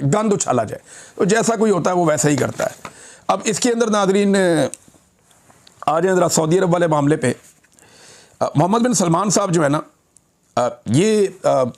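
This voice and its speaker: A man with a Pakistani Urdu accent delivers political commentary straight to his audience. His voice sits fairly high for a man. He sounds indignant and heated throughout. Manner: indignant and impassioned, addressing viewers directly. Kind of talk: vlog commentary.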